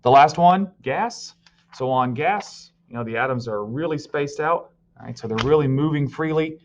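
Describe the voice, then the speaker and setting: A man's voice: on the high side, normal speed. A male teacher giving a recorded virtual science lesson, explaining step by step and telling students what to write down. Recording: slightly dull lo-fi audio.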